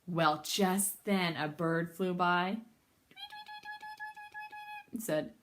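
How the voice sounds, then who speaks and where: A woman music teacher telling an animated, playful story in a lesson for young children. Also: on the low side, extremely slow.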